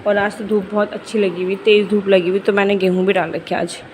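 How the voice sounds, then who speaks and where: A young woman filming a casual home vlog, chatting about her day and coaxing her little daughter in a lively sing-song. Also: mid-range voice, fairly quick, slight background noise, poor audio. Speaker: vlogger mother.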